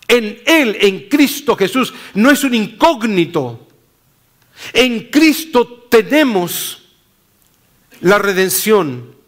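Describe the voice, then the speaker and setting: Slow-preaching high-voiced man pastor. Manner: slow, deliberate preaching, dropping low and soft at phrase ends. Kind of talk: sermon.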